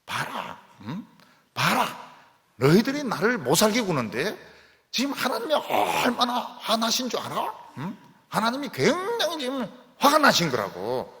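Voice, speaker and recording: A man putting on a desperate young David, pleading in a high, raised voice. The voice leaps up and down in pitch. A long hall echo trails behind it. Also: big pitch swings, fast, a bit bright, exaggerated voice. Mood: defiant. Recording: long church hall reverb.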